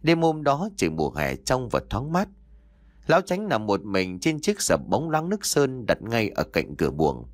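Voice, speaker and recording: A man narrating a ghost story in an expressive, dramatic reading voice. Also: on the low side, dry recording, clean studio sound.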